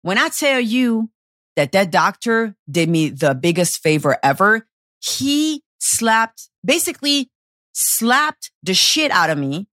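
A woman's voice: medium pitch, very animated, slow, a bit bright, dry recording, clean studio sound. A woman in her thirties, a personal trainer hosting a podcast, telling a personal story in a blunt, profane, emotional way. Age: 30s.

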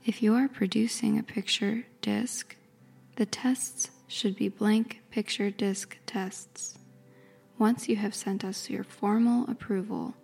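Slow, gravelly whispering woman. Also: medium pitch. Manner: soft, slow, careful whisper. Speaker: ASMR creator. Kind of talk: ASMR whispered reading and description.

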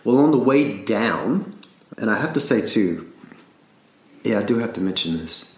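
A man's voice: fairly low pitch, animated, measured pace, darkish tone, echoey room. Laughing Southern man telling a story. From Alabama. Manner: rambling, repeats words, laughs often. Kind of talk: casual storytelling.

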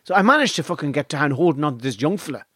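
A man with a west of Ireland accent tells stories in a casual, animated way, swearing freely. His voice sits a little high, and the sound is very dry, with no room around it. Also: rapid-fire, husky, no room sound. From County Donegal, Ireland. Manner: animated anecdote-telling with frequent swearing. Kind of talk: casual chat and comic storytelling.

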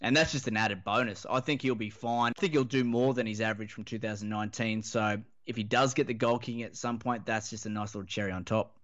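Laconic Australian bloke, slightly low voice. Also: male voice, fairly even intonation, fast, hardly any pauses, a bit bright. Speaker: fantasy rugby league podcast panellist. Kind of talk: casual sports chat. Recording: dull, lo-fi audio.

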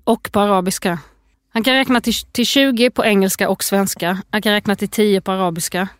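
Animated woman, dry close mic. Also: mid-range voice, dry recording. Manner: animated storytelling, acts out her toddler's lines. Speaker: podcast co-host. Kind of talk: casual chat.

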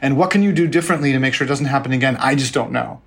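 A man's voice: mid-range voice, rapid-fire, vocal fry, fairly bright tone, husky. A man speaking as an expert guest in a conversational interview, explaining informally and acting out bits of quoted dialogue.

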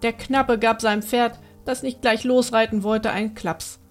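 A woman with a slightly high voice reading a bedtime story to young children. Her reading is gentle and expressive. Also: normal speed, over music.

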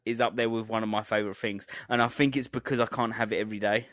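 A man's voice: on the low side, fairly even intonation, quick pace, fairly bright tone, no echo, clean studio sound. A young English man co-hosting a podcast, chatting casually and jokingly about food. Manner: jokey, rambling food talk with laughs. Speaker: podcast co-host. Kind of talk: casual chat.

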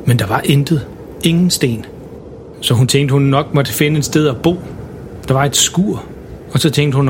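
A man's voice: medium pitch, background noise. A man narrating a children's story in simple, plain storytelling.

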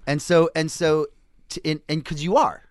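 Halting, insistent man in a dry room. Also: a little high, steady tone, no room sound. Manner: halting, restarts often, insistent. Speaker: guest giving creative feedback. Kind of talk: casual conversation.

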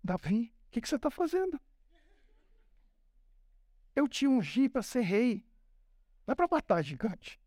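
Preacher voicing god, easygoing and sure of himself, dry mic. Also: male voice, very high-pitched, very animated, measured pace, long pauses, darkish tone, no echo, heavily acted. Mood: concerned. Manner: casual, playful and assured. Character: God, all-powerful, amused and reassuring.

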